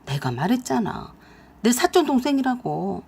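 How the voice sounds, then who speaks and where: Woman doing a young man, cornered, defensive, pleading, husky, lively. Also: on the high side, normal speed, heavily acted. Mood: angry.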